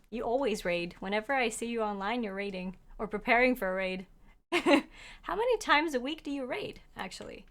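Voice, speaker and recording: Playing a game on stream, a young Norwegian-native woman reads her viewers' messages aloud and chats casually with them. She has a fairly high, slightly bright voice. Giggly and talkative, she laughs a lot while addressing chat.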